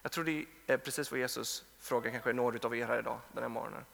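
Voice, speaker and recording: A man's voice: mid-range voice, steady tone, creaky, a bit bright. A man in his thirties, a pastor, preaching a conversational sermon and acting out the voices in his stories. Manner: conversational storytelling, acts out quoted voices. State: tired from little sleep. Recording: long reverb from a hall.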